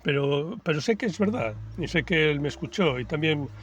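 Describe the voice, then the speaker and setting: A man, giving a personal testimony in church in a conversational, storytelling way that turns soft and reflective. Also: a little high, lively intonation, moderate pace, breathy edge. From Galicia, Spain. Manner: conversational storytelling with frequent tag questions; grows softer and reflective.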